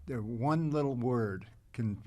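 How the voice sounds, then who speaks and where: A man's voice: mid-range voice, takes it slowly, warm tone. A man speaking as an actor in a casual podcast commentary, earnest and appreciative. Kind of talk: casual chat.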